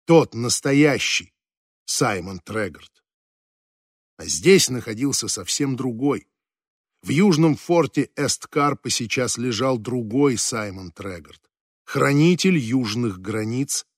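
Man narrating fantasy, dry and measured. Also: mid-range voice, no room sound. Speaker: audiobook narrator.

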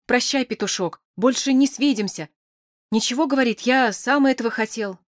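A woman's voice: a little high, no room sound, clean studio sound, pitched above the performer's own voice, close to an everyday voice. A woman doing a weeping, frightened young man. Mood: distraught. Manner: sobbing, breathless, rushed.

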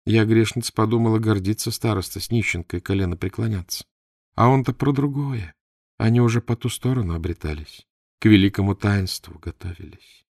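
A man voicing a pious, blind old woman storyteller who speaks in a sad but calm way, with old-fashioned words. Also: sits low, fast talker, vocal fry, hardly any pauses, slightly rough, dry recording, studio quality, full character voice.

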